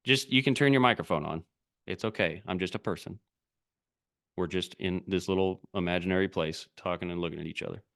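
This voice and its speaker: Here the coach's voice is deep and gravelly yet a bit bright, and he speaks briskly. The middle-aged man is giving a group a motivational talk over a live video call, hammering home blunt, short, punchy sentences on repeat.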